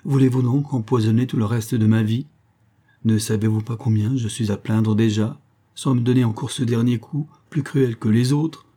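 A man's voice: mid-range voice, fairly even intonation, normal speed, mellow, close to an everyday voice. A man reading the part of a tearful young noblewoman, pleading and distressed, in an audiobook. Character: young woman, tearful noblewoman torn by love.

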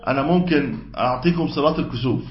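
A man's voice: mid-range voice, fast. A man teaching a religious law lesson, explaining step by step and correcting his own wording as he goes, on a dull, echoey lo-fi recording. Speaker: sheikh teaching Islamic law. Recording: echoey room, dull lo-fi sound.

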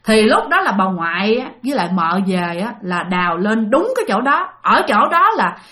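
A woman's voice: mid-range voice, big pitch swings, normal speed, fairly bright tone. A woman hosting a channel, telling listener-sent ghost stories in a chatty way and often speaking to her audience directly. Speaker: storytelling channel host. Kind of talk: spoken ghost-story narration.

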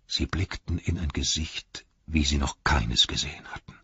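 A man reading a story aloud in slow, deliberate, expressive narration. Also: rumbling low, husky, dry recording, highs cut off. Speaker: audiobook reader. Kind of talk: scripted narration.

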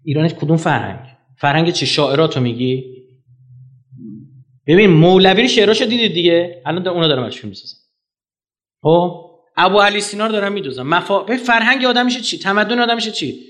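A man giving a public lecture in an animated, argumentative way, firing rhetorical questions and swinging from loud to soft. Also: sits high, pauses often. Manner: animated, rhetorical questions, sharp jumps in loudness; mocking, argumentative.

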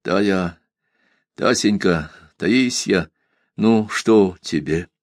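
Man playing a lovesick young peasant lad, urgent and begging, low voice, dry recording. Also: extremely slow, dry recording, heavily acted. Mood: imploring. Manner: urgent, imploring. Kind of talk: audiobook reading.

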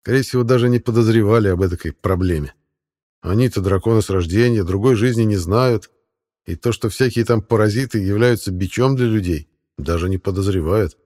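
A man narrating a first-person audiobook in a dry, sardonic, deadpan manner. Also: on the low side, fairly quick.

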